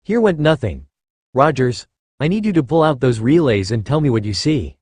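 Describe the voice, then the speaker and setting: A man's voice: mid-range voice, animated, moderate pace, darkish tone, slightly rough, no echo, clean studio sound. A man reading the lines of a brash, sarcastic female inventor in a fan-fiction story, in a clipped manner. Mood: sardonic.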